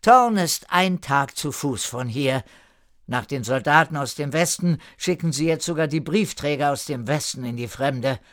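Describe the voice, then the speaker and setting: A man's voice: a little high, lively intonation, normal speed, a bit bright, no echo, clean studio sound. A man voicing a bossy, suspicious but kindly village woman who scolds and probes with questions in an audiobook. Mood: brisk.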